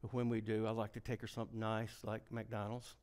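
A middle-aged man preaching a revival sermon, telling folksy stories and swinging from hushed near-whispers to shouted climaxes. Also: lowish voice, completely flat delivery, a little fast.

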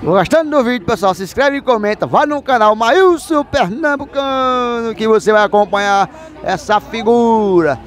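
A man, hosting a chatty vlog as he walks through an outdoor street market, greeting vendors loudly. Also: very high voice, normal speed, faint music behind. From Northeast Brazil. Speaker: vlogger host. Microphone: handheld phone camera. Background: market crowd chatter.

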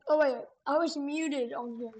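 A woman's voice: high-pitched, moderate pace, a little mellow. A woman casually chatting and reacting to funny videos on an online call.

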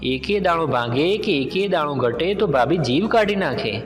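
A man's voice: a little high, animated, moderate pace, big-room sound, faint music behind, close to an everyday voice. A man voicing a mistreated young girl who pleads meekly. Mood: meek pleading. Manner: pleading, meek.

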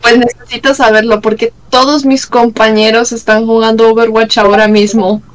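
Slightly high-voiced Mexican woman. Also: flat delivery, normal speed, rough recording. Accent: Mexican Spanish. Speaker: co-player. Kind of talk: casual chat while gaming.

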